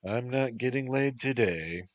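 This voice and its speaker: Guy doing a higher teasing pouty young woman, storybook read, dry close sound. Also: measured pace, no echo, lightly acted. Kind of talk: storybook narration.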